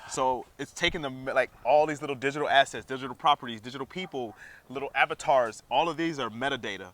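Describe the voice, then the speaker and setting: Male co-host, casual, bright and forceful, keen to explain. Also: mid-range voice, quick pace. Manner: enthusiastic, explanatory, laughs easily. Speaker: podcast co-host. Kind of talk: casual chat.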